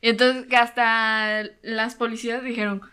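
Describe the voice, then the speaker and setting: A woman's voice: a little high, level tone, a little slow, bright, forceful tone, clear, resonant tone. A young Mexican woman co-hosting a casual true-crime podcast, chatty and slangy, laughing often. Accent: Mexican Spanish. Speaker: podcast co-host.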